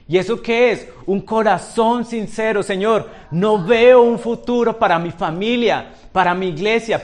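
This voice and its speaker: A male pastor preaching a sermon in a church, asking the congregation rhetorical questions. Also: high voice.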